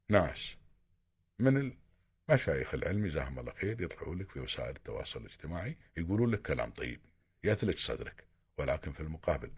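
A man's voice: deep voice, husky. A man with an Emirati accent calling in to a radio show, giving insistent, lecturing advice and repeating his points. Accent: Emirati Arabic. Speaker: caller.

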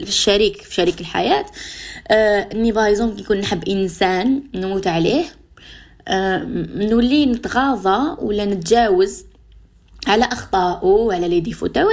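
Fast-talking Algerian woman radio host. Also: mid-range voice. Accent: Algerian Arabic. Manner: mixes French and English words into dialect; addresses listeners directly, giving examples. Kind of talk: advice talk to listeners.

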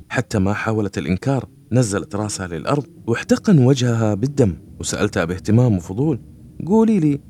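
A man's voice: on the low side, slight background noise. A man narrating a crime story in the first person, acting out the dialogue as he goes. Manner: lively, expressive storytelling voice that acts out the dialogue.

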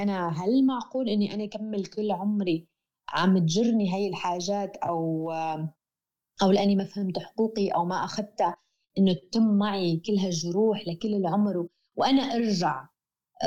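A woman with a Levantine accent talks quickly as a guest in a reflective interview. Her tone is soft-edged and mellow, and she is earnest and emphatic, circling back to key phrases. The recording is slightly dull and lo-fi. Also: medium pitch. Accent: Levantine Arabic. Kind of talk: reflective explanatory conversation.

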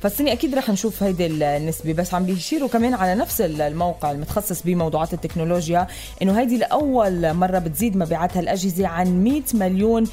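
A woman's voice: fairly low pitch, lively intonation, very fast, warm tone. A woman with a Lebanese accent co-hosting a morning radio show in an enthusiastic, chatty way. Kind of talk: lively casual radio banter. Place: radio studio. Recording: faint music behind the voice.

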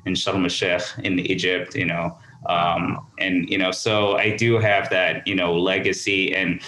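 A man from Somaliland, raised in the UAE, speaking as a podcast guest on a remote call. He tells his story in a halting, earnest way with frequent restarts. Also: deep voice, little pitch movement, pushed and bright, slight background noise. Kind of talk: conversational storytelling. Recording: echoey room over a call.

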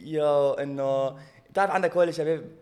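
A man's voice: on the high side, fast talker, a little mellow. A man with a Lebanese Arabic accent chatting casually with a friend, slipping English phrases into his speech. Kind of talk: casual bantering chat with a friend.

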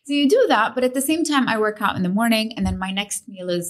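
A woman's voice: fairly high pitch, racing. A young woman from Lebanon, a fitness trainer and dietitian, talking casually as a podcast guest, mixing English with Arabic and sprinkling in "like" and "you know.". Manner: lively, mixes English with Arabic, many "like" and "you know" fillers.

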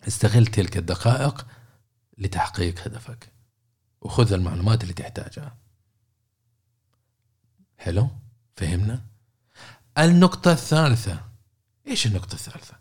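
A man's voice: on the low side, expressive, normal speed, long pauses, darkish tone, slightly rough. A man giving a casual coaching talk, repeating words and checking in with listeners by asking questions. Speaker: podcast host and coach.

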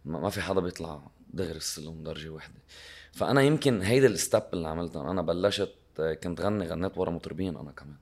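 A man's voice: low-pitched, very fast, darkish tone. A man with a Lebanese Arabic accent, answering as an interview guest in conversation and mixing in English words.

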